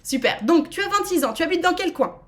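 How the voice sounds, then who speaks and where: A woman's voice: very high voice, lively intonation, fairly quick, fairly bright tone. Chatty French woman hosting a live stream. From France. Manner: chatty, playful, hesitant with many fillers. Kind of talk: casual live stream chat.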